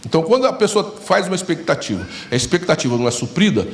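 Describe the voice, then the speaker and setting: Male Brazilian pastor, sermon, gravelly lively voice, slightly high, echoey church room. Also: fast. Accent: Brazilian Portuguese. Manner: storytelling, acts out dialogues, addresses congregation directly.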